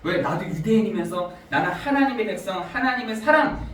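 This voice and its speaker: A male pastor delivering a lively sermon, firing off rhetorical questions and acting out exchanges from scripture. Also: sits high, slight background noise. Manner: animated preaching, rhetorical questions, voicing scripture dialogue. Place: church sanctuary. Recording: echoey church from a distance.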